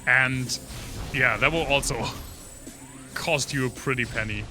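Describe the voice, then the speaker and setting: A German man with a German accent chats casually on a livestream while playing a game, rambling through trivia and talking to chat between reactions to the gameplay. His mid-range voice is slow, he's on a studio condenser mic, and music plays in the background.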